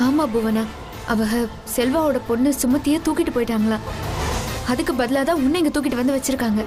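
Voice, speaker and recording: A woman's voice: high-pitched, a little fast, music in the background, natural voice. An actress playing a determined young woman who firmly reassures a frightened relative in a TV serial. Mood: resolute. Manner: firm, reassuring. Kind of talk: TV serial acting.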